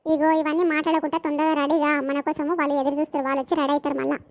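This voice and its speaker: Lady doing a scolding village mom, high pitched, talks fast. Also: level tone. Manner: scolding, lecturing. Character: middle-aged mother, stern and scolding. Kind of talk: animated village comedy voicing.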